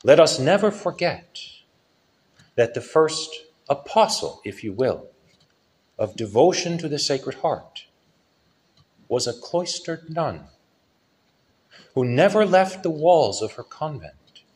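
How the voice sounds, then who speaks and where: A male priest giving a solemn sermon with a lively rise and fall in his preaching. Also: fairly high pitch. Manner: slow, solemn preaching with lively rises and falls.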